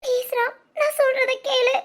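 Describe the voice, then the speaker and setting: A woman voices a frightened young bride who keeps begging through tears. Her voice sits extremely high and thin. This is amateur family drama voice acting. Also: level tone, moderate pace. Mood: pleading, tearful. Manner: pleading, repeats her partner's name. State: crying.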